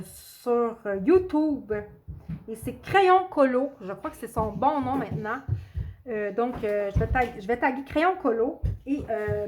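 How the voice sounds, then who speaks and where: A woman talks to her viewers in a casual, halting way, stopping often to gather her thoughts. Her voice sits a little higher than most women's. She is quick to apologize and to make fun of herself. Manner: hesitant, pauses often with fillers; self-deprecating and apologetic. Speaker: coloring channel host. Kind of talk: casual chat answering a video tag.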